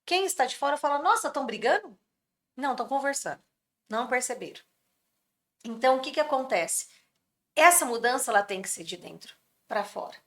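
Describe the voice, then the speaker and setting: A woman's voice: high voice, expressive, a little fast, pauses often, a bit bright. A woman on a podcast earnestly explaining workplace mental health as a guest, sometimes acting out what people say. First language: Brazilian Portuguese. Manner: earnest, acts out quoted speech. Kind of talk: explanatory conversation.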